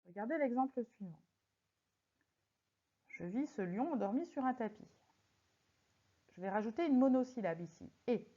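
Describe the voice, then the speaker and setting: A fairly high-voiced woman teaching a lesson, pausing to tap out syllables one at a time. She speaks in a slow, deliberate way that makes each word stand out. The recording sounds slightly dull and lo-fi. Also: lively intonation, mellow. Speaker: French teacher. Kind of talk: recorded lesson correcting exercises. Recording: slightly muffled lo-fi audio.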